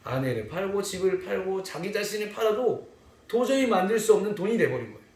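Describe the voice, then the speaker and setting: A man preaching a children's sermon in an animated storytelling way, speaking to the children as friends. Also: sits high, fairly quick. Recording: echoey room.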